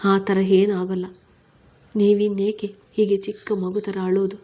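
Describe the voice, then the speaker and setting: A woman's voice: mid-range voice, flat delivery, a little slow, dark tone, natural voice. A woman reading a story, voicing a caring young wife who coaxes and soothes her husband. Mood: coaxing.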